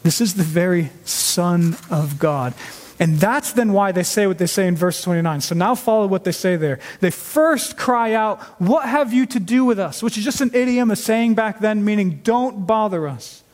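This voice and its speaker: Male pastor with a high voice, earnest emphatic sermon delivery, long hall reverb. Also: moderate pace. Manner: earnest, emphatic preaching with rhetorical questions.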